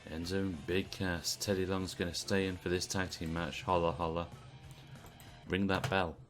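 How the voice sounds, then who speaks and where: Low-voiced British man commentating. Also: moderate pace, soft background music. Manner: chatty, relaxed, asks the audience. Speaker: host and commentator of a video game wrestling stream. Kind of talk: casual play-by-play commentary.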